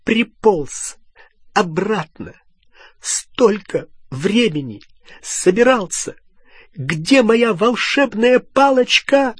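A shrill, furious teenage girl screeches and scolds in a raised, high voice, as a male audiobook reader puts her on. Her lines come slowly and heavily stressed, with a husky edge and a dry, close sound. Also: wildly swooping pitch, fairly bright tone, no echo, exaggerated voice. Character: furious shrieking teenage girl, bossy and sharp-tongued. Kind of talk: audiobook character voice.

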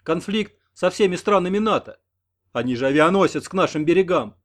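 A man's voice: high-pitched, expressive, a little fast, pitched above the performer's own voice. A man doing a fawning, flustered local man. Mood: alarmed. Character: nervous fawning local man, eager to please.

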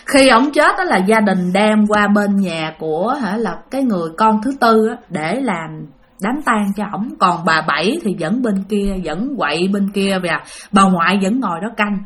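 A woman's voice: mid-range voice, animated, moderate pace, fairly bright tone. A woman telling a ghost story, chatting directly to her listeners. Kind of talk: spoken ghost story narration.

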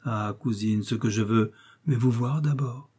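A man reading aloud, voicing a young lovesick chevalier who pleads earnestly and softly. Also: a little slow, slightly rough. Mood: pleading. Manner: pleading, softer and lower. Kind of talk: audiobook reading.

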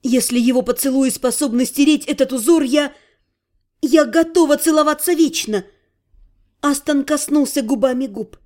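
A woman's voice: sits high, normal speed, mellow. A woman narrating a first-person story as an audiobook, reading expressively with emotion.

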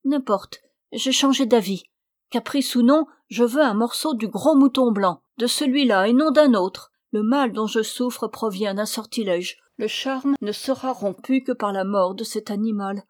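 A treacherous young maidservant pretends to be sick, her voice pitched high and whining, as a woman puts her on. She pleads and insists in a plaintive tone. The storybook recording sounds dry and close. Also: measured pace, dry recording, natural voice. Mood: demanding. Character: scheming young maidservant feigning sickness.

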